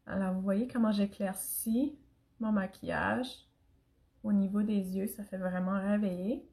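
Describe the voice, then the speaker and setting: A young woman with an Acadian French accent talks viewers through a makeup tutorial in a casual, chatty way. She is sick, and her throat is irritated. Her voice sits at an ordinary middle pitch for a woman. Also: steady tone, measured pace, gravelly, warm tone. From Canada. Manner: chatty, addresses viewers and live commenters. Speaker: makeup demonstrator.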